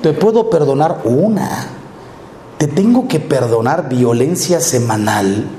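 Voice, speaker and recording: Mexican priest, fifties, mellow warm voice, animated storyteller, roomy hall sound. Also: male voice, on the high side, slow, slight background noise. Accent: Mexican Spanish. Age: 50s. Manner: lively storytelling, acting out voices, rhetorical questions. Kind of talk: conference talk to a live audience.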